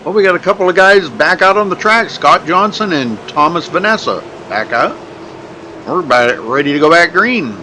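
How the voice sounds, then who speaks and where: A man's voice: on the high side, lively intonation, normal speed, pushed and bright, slight background noise, rough recording. A man working as a motorsport commentator, giving casual, chatty live commentary on a race.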